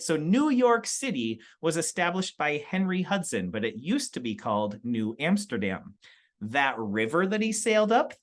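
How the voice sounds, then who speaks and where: A male teacher walks through a history lesson in a loose, conversational way. His pitch swings widely and he peppers his explanations with quick check-ins. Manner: chatty, explaining with asides and "right?".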